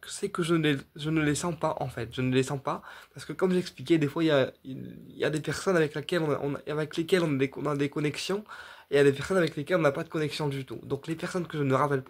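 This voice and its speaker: A man, a medium casually explaining his readings straight to his viewers, rambling with many fillers, restarts and repetitions. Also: a little high. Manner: addresses viewers directly, checking in with "d'accord". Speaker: medium offering paid readings. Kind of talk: casual direct-to-camera explanation.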